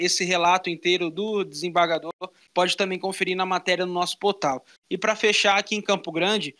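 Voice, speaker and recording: A man's voice: high voice, a bit bright. A young man with a Brazilian Portuguese accent giving a live news report from a small studio into a handheld microphone, conversational and informative. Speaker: radio reporter. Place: small radio studio with meeting table.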